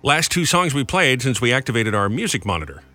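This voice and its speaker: A man co-hosting a radio show with smooth, upbeat, chatty radio host patter. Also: mid-range voice, a little fast, music in the background. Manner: animated, chatty. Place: radio studio.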